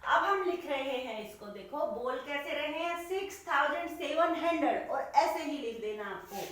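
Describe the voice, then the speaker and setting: A woman teaching young children in a classroom lesson, slow and patient. She repeats each question and answers it herself. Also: high voice, expressive, a bit bright. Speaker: primary school teacher. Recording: very echoey room, voice from far off.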